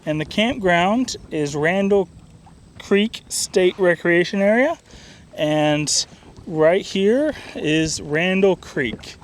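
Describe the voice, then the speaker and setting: A man's voice: high voice, animated, slow pace, a little hiss or hum. A young man talking casually about his river trip outdoors, easygoing and upbeat, with lots of fillers and restarts. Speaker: solo river traveler vlogging his trip. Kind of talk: casual travel vlog narration.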